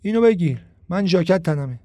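A man's voice: high-pitched, animated, warm tone, no room sound. A man voicing a bold young neighborhood guy. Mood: friendly.

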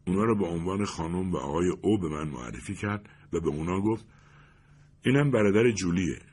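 A man calmly narrating an audiobook in an even storytelling manner. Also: deep voice, breathy edge.

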